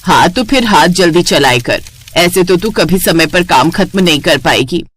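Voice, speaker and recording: A woman's voice: on the low side, animated, normal speed, fairly bright tone, slightly rough. A woman voicing a nagging, taunting middle-aged mother-in-law. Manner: scolding, taunting.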